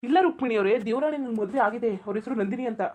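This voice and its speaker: A woman's voice: medium pitch, very fast, darkish tone, lightly acted. A woman voicing a flustered, polite young married man in a cartoon, pleading with someone to stop. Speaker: cartoon character. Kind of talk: Kannada cartoon voice acting.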